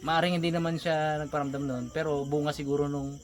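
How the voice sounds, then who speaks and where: A man, telling stories in an animated, casual chat and laughing often. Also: a little high, fairly quick, a little hiss or hum.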